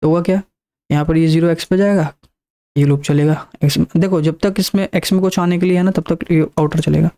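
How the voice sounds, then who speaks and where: A male programming teacher talks through his lesson one step at a time. His voice is warm and mellow, and he often repeats a point and counts items aloud to make it clear. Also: a little high, steady tone, brisk. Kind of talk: screen-recorded coding lesson.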